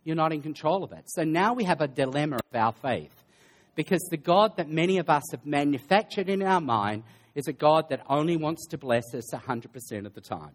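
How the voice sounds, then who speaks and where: A man preaching a sermon to a congregation, dropping into sarcastic asides and building to slow, emphatic lists. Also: on the high side, lively intonation. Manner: sarcastic asides, drops to quiet then builds. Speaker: pastor. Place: church sanctuary.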